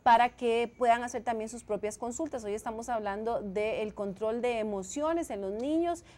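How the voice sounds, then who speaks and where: A woman's voice: on the high side, moderate pace, darkish tone. A woman hosting a call-in talk show, announcing the number and welcoming callers. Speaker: program host.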